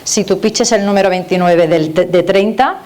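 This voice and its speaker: A woman's voice: medium pitch, normal speed. A woman from Spain with a Spanish accent giving a live communication masterclass, chatty and direct, often checking in with the audience. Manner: lively, conversational, addresses audience directly with tag questions.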